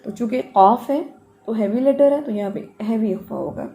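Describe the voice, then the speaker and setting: A woman with a fairly high, mellow voice teaches Quran recitation over an online call. She corrects her students patiently and stretches out each model word slowly so they can copy it. She speaks through a computer microphone. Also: slight background noise. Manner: explains mistakes then models words in slow, drawn-out recitation; patient, corrective, checks with "okay?".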